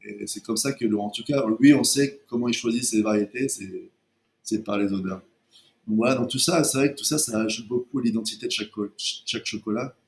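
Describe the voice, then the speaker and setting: Briskly and in a lowish voice, a man who co-founded a chocolate brand chats as a guest in an interview. He is hesitant, with frequent restarts and many fillers.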